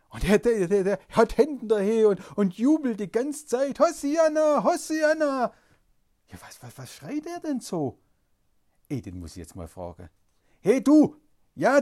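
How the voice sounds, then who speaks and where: A storyteller tells a Bible story as an eyewitness, stammering with excitement and asking question after question. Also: medium pitch. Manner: excited, stammering, asks many wondering questions.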